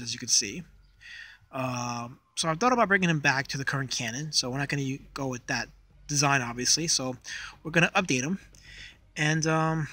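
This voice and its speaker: A man's voice: mid-range voice, pushed and bright. A middle-aged man giving casual, unscripted drawing commentary outdoors, hesitant and thinking aloud as he works. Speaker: comic artist, video host.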